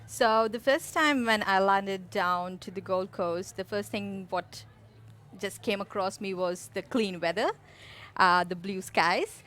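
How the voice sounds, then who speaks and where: A woman's voice: medium pitch, fairly bright tone. A woman from India, answering interview questions in a friendly, earnest way. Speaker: guest.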